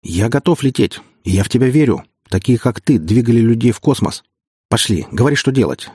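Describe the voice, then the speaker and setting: A man's voice: mid-range voice, very animated, brisk, dark tone, breathy edge, dry recording, studio quality, voice pushed up. A man reading a hearty, confident hunter. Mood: encouraging.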